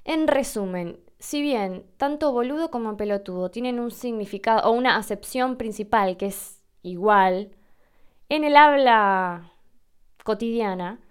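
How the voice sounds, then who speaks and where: Clear-voiced Argentine woman teaching. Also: on the high side, unhurried. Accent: Argentine Spanish. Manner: clear, patient, explains step by step. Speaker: podcast host answering listener questions. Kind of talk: explanatory language lesson.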